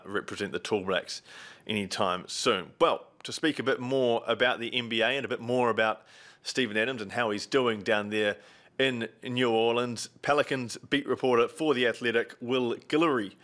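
A man's voice: lowish voice, a bit bright. A man in his thirties with a New Zealand accent, presenting and interviewing conversationally as a sports host. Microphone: desk microphone close in front, video call.

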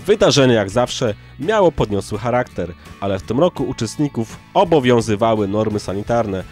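A man's voice: mid-range voice, sing-song, moderate pace, a little mellow, faint music behind. A man reading scripted narration for a local news report.

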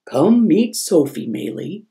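A woman voicing a cheerful, warm father in a children's picture book. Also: lowish voice, sing-song, slow pace, creaky, heavily acted.

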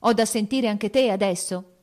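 Woman reading grumpy husband snapping back, low mellow voice, audiobook. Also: animated, moderate pace. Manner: irritable, snapping. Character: curt, evasive nobleman husband, quick to shout.

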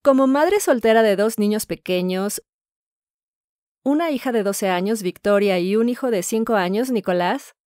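A woman's voice: mid-range voice, lively intonation, moderate pace, a little mellow, no echo, clean studio sound. A woman in her thirties from the Dominican Republic, a grateful audience member asking a question on a live video call. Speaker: audience caller.

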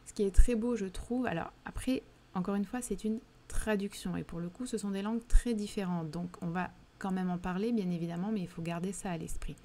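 A woman's voice: mid-range voice, steady tone, fairly quick, few pauses, warm tone. A woman with a southern French accent, hosting a live book discussion, speaking thoughtfully with frequent hesitations and restarts. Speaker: literary livestream host. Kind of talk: live book discussion reading chat questions.

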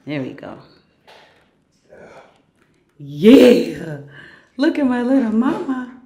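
A woman's voice: on the high side, very animated, very slow, mellow. A woman in her thirties casually narrating a family vlog and talking playfully to her baby and kids, recorded on a handheld camera. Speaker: vlogger and mother. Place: hotel room, lobby and city streets.

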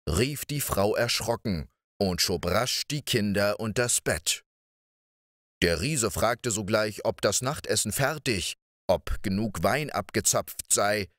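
A man reading fairy tales aloud as a calm bedtime audiobook, voicing each character in turn. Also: lowish voice, no room sound, studio quality. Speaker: audiobook narrator.

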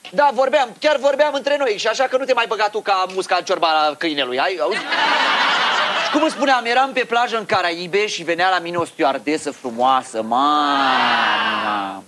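A man's voice: sits high, lively intonation. A man playing a cowardly, boastful, foolish boyar who whines and rambles. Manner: whiny, yelps and rambles. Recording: loud background noise.

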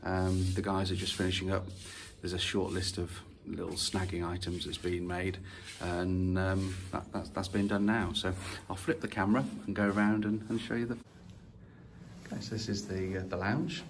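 Holding his phone at arm's length, a property investor walks through an empty house for a casual video, full of fillers and restarts. He speaks low-pitched at a moderate pace in a level tone, with background noise present.

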